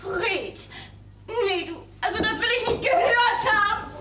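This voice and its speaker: A woman's voice: very high voice, a little slow. An actress playing a clingy, theatrical young woman who pleads and weeps in a stage comedy, heard from afar on an echoey stage. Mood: dramatic. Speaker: Olga, jilted girlfriend. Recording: echoey stage from far off, noisy hall.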